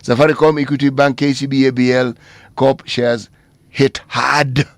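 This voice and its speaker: A man's voice: medium pitch, level tone, normal speed, no room sound. Kenyan man commenting on radio, dry sound. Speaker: radio co-host. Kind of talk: reading newspaper stories with opinionated commentary.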